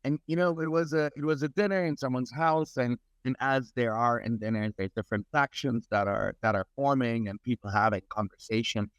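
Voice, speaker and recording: A middle-aged German technology advisor, a guest in a conversational interview, talks earnestly and expansively, often repeating words as he builds sentences. His mid-range voice is smooth and fairly quick, with hardly any pauses. The recording has no echo but sounds dull and lo-fi.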